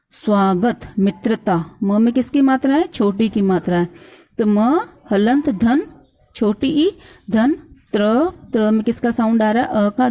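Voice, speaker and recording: A woman's voice: a little high, mellow. A woman teaching a school grammar lesson, spelling words out sound by sound and answering her own questions for the children. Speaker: Hindi teacher.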